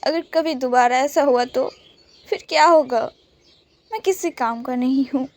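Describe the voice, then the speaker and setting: A woman voicing a young man in a romance story, tearful and remorseful, speaking softly and haltingly. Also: high voice. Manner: soft, halting and apologetic.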